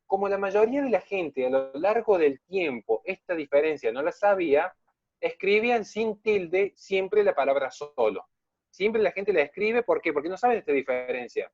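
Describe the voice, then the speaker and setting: A man's voice: high-pitched, lively intonation, moderate pace, a little mellow, dull audio. A man giving an emphatic, polemical online lecture and answering questions.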